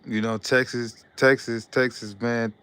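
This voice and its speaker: Reading viewer comments on his relaxed live stream, this young man from Detroit, USA talks loosely and repeats himself. He sounds smooth and clean with a fairly even, flat pitch, speaking unhurriedly with no echo.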